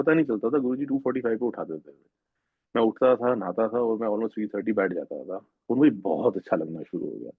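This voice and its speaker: At a devotional gathering, a devotee shares a personal spiritual experience in a husky, somewhat low voice. His testimony is earnest and rambling, often breaking off and starting again. The audio is thin, phone-like and dry, with no room echo.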